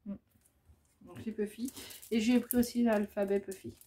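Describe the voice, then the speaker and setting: A woman's voice: medium pitch, steady tone, normal speed, dark tone. A woman chatting casually as she shows off her scrapbooking crafts, hesitant and full of fillers. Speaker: scrapbooking vlogger. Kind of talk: casual show-and-tell.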